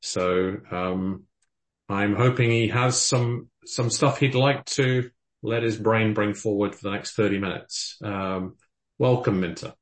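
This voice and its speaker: Guy hosting a live podcast, lowish voice, lots of ums, echoey room. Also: unhurried. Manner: hesitant, many ums and restarts. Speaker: podcast host. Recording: roomy echo.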